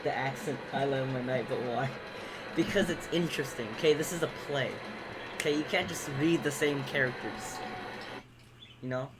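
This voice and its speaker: A man's voice: medium pitch, normal speed, very noisy. A man doing homework on camera, reading a text aloud in a casual vlog, joking around, stumbling over words and interrupting himself. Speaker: student vlogger.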